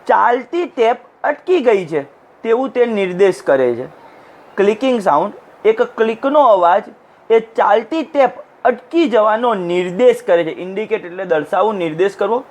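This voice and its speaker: High-voiced male teacher explaining text. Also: animated, moderate pace, a little mellow. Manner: translates each English phrase into Gujarati and acts out lines. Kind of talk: classroom lecture explaining an English text. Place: recorded for an online class.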